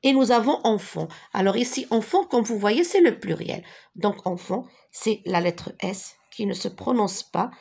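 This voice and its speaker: A woman teaching a French spelling lesson, patiently repeating each word slowly, with a few translations. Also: medium pitch, gravelly, darkish tone, breathy edge. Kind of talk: slow classroom lesson with repetitions.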